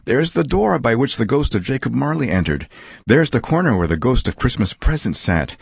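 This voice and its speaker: A man voicing an elderly miser, overjoyed and giddy, with excited, breathless exclamations. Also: low voice, normal speed, no echo.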